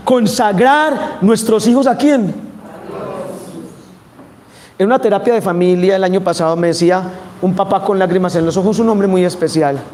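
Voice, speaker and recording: A man with a Colombian Spanish accent preaching a sermon, animated and asking his audience questions. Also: high voice, a little hiss or hum.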